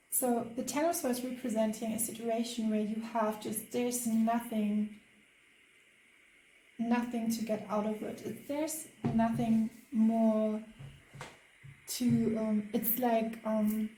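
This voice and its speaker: A woman's voice: on the high side, level tone, takes it slowly, long pauses, reverberant, low-quality recording. A woman with a German accent doing a spiritual tarot reading, hesitant and full of fillers. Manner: hesitant, many fillers, soft laughs. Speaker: tarot card reader.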